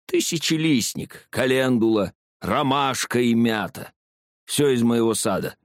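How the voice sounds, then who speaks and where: A man voicing a stern old village herbalist woman who talks curtly and hoarsely in an audiobook. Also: mid-range voice, animated, no room sound, clean studio sound, lightly acted. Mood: gruff. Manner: curt, slow and commanding.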